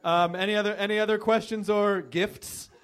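A man's voice: high voice, fairly even intonation, normal speed, a bit bright. A man hosting a live podcast on a small stage, joking and laughing often. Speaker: podcast host. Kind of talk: casual live podcast chat. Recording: noisy live venue.

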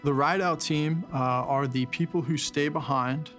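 A man's voice: fairly high pitch, fairly even intonation, measured pace, a bit bright. A man in military service explaining and recalling events in a documentary interview. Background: music.

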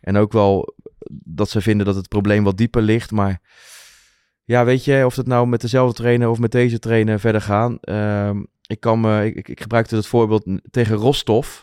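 Lower-pitched male co-host, measured and hesitant, dry studio sound. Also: flat delivery, darkish tone, clean tone, no echo. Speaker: podcast co-host. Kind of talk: casual football chat.

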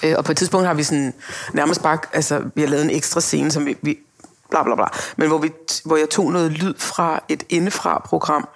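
Low-voiced woman chatting animatedly. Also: creaky. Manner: animated, acts out quotes, laughs while talking. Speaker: film director, guest. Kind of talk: casual podcast conversation.

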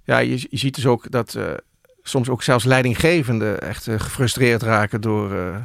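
A middle-aged male journalist explaining things in conversation, thoughtful and often pausing with hesitations and restarts. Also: medium pitch, fairly even intonation, creaky, no room sound, clean studio sound. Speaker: journalist guest.

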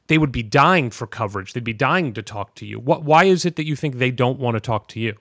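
A man's voice: medium pitch, lively intonation, brisk, fairly bright tone, dry recording. Conversational male podcast host, dry sound. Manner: conversational, long winding questions. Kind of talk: casual podcast interview.

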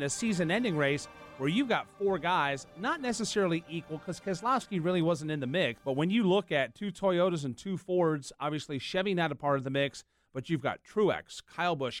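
High-voiced male sports radio host.

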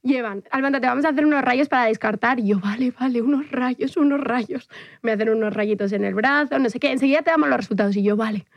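Young woman, lively storyteller. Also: fast, no room sound, highs cut off. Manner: animated storyteller, acts out her own quotes in high squeals. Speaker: podcast co-host. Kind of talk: casual chat.

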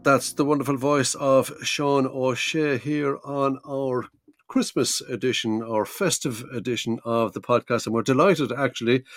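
A man's voice: mid-range voice, dry recording, clean studio sound. A man with an Irish accent hosting a podcast and interviewing a guest conversationally. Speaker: podcast host.

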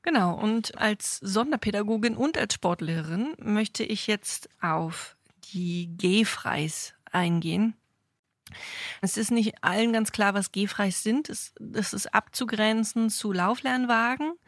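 A woman in her thirties talks through ideas in a casual chat, pausing and hunting for words. Her mid-pitched voice has a marked gravelly fry. The sound is close and dry. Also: no echo. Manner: thoughtful, searching for words, many fillers. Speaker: special education and sports teacher, co-host.

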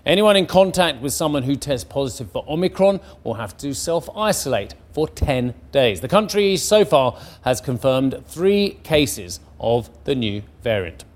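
A man presenting broadcast news, brisk and assured, with occasional conversational asides. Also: medium pitch, sing-song.

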